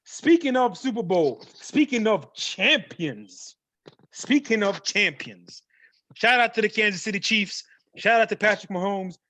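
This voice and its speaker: A man hosting a casual mock draft talk show, animated and playful, hyping up picks. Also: high voice, no echo.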